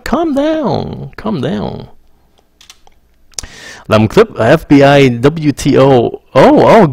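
A man teaching English pronunciation casually, answering viewer questions, stretching words out slowly and laughing at his own slips. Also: medium pitch, vocal fry, dry recording. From Vietnam. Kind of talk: casual live-stream English lesson.

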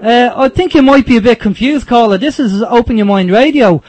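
A man hosting a late night call-in radio show, speaking in a hesitant, halting way with his caller. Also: very high voice, a little mellow. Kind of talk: unscripted-sounding phone-in hosting.

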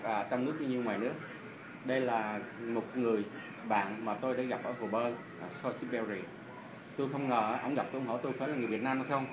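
A middle-aged man from Vietnam interviewing casually and politely, often repeating answers back. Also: medium pitch. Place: indoor swimming pool hall. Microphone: phone at arm's length. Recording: noisy indoor pool, phone recording.

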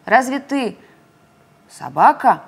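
Brief: woman voicing good-natured bear cub, storybook, husky tone. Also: fairly high pitch, big pitch swings, takes it slowly, full character voice. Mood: friendly. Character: friendly young bear cub.

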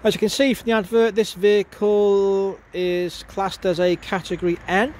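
Male car salesman, slightly high voice, congested with a cold, informal walkaround patter over clear outdoor noise. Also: flat delivery, normal speed, darkish tone. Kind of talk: casual walkaround sales presentation. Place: outdoors at a car lot, walking around a car. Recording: outdoor handheld video with clear background noise.

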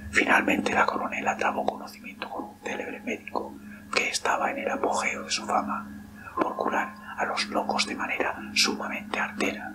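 A man reading a ghost story aloud in a steady, hushed whisper throughout. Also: moderate pace, low-quality recording. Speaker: narrator.

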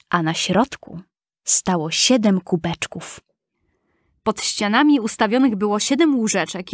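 A woman narrating a fairy tale for children in a gentle, measured, expressive reading. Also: medium pitch, dry recording, studio quality. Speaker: storyteller.

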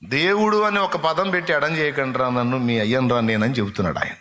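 A man preaching a sermon, passionately asking the congregation rhetorical questions and now and then breaking into slow sung hymn lines. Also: mid-range voice, bright, forceful tone, slight background noise. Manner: addresses listeners directly with rhetorical questions.

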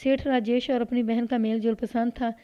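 A woman's voice: fairly high pitch, level tone, mellow, close to an everyday voice. A woman voicing a stern male police officer who presses a suspect with accusing questions, in a read-aloud story. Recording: dull lo-fi recording.

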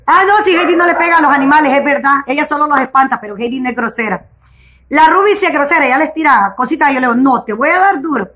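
Woman, Honduran accent, high voice, young adult, casual storytelling, chatty vlogger. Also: fast talker, sharp tone. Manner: chatty, retells conversations with frequent religious exclamations. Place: outdoors in a breeze.

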